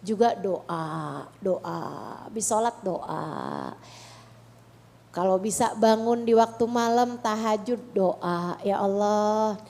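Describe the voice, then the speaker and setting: A woman's voice: mid-range voice, sing-song, slow pace, gravelly, a little mellow. A middle-aged woman with an Indonesian accent giving an Islamic study talk to women, earnest and often asking the audience questions. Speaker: religious teacher.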